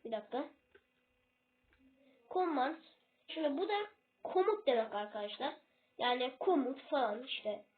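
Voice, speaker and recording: A woman with a high voice explains English words in a casual video lesson. She hesitates and keeps losing her place, stopping to correct herself. Her voice comes through a thin, tinny, phone-like recording. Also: animated, measured pace, pauses often. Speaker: self-made English tutor.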